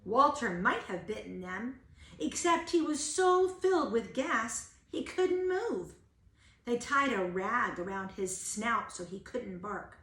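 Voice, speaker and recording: A woman's voice: fairly high pitch, very animated, slow pace, fairly bright tone. A woman reading a children's storybook aloud like a teacher, expressively stressing key words. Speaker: teacher reading a picture book. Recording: roomy, echoing home-style recording.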